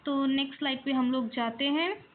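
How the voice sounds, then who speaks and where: A woman's voice: high-pitched, a little fast, phone-quality sound, a little hiss or hum. A woman teaching the Hindi vowels to beginners, stretching each sound and mixing English words into her Hindi. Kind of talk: slow, patient teaching with drawn-out example words.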